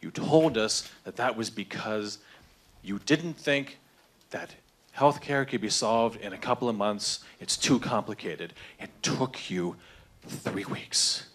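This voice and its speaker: This man's voice is fairly low, a bit bright, and slow. He's in his thirties, speaking angrily and emotionally into a handheld mic at a packed town hall indoors, confronting his congressman in an impassioned public speech that grows more heated as it goes.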